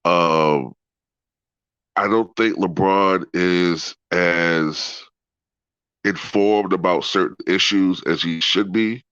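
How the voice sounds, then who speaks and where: A low-pitched man talks loosely to live viewers in a colloquial, sweary way. His nose is blocked by a cold, giving a thick, congested nasal sound. The audio is dull and lo-fi. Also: fairly even intonation, slow pace, fairly bright tone, clean tone. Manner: profane, colloquial, peppered with "man" and "you know". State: congested with a head cold, clearing throat. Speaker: sports talk livestream host. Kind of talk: casual rambling chat to live viewers.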